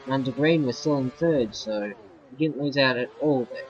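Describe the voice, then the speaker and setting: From his bedroom, a medium-pitched man rambles casually about his own racing game, excitable and quick to burst into loud frustration. The audio is muffled and lo-fi, with faint game music behind him.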